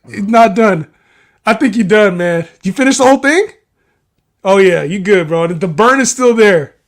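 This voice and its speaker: A man's voice: high-pitched, lively intonation, moderate pace. A man co-hosting a casual sports betting livestream, laughing often and teasing his partner. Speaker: livestream co-host.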